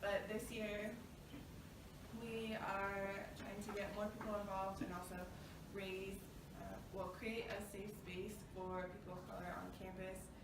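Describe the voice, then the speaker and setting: A woman's voice: mid-range voice, flat delivery. College student reading her poem; young woman, distant mic, big echo. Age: young adult. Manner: measured recitation, hesitant fillers when talking. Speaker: student poet. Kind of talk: poetry reading and casual talk. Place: college classroom. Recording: echoey room from far off with loud noise.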